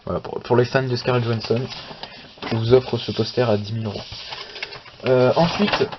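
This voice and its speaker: Paging through a magazine, a young man who runs a manga channel chats casually, talking to himself, wandering off topic, and cursing mildly. He speaks at medium pitch and moderate pace over a slightly muffled recording with constant hiss.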